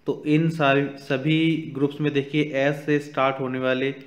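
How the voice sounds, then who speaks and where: A male teacher going through a children's English textbook exercise, reading the English lines slowly and then explaining them quickly in Hindi. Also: mid-range voice, level tone. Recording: dull, echoey room recording.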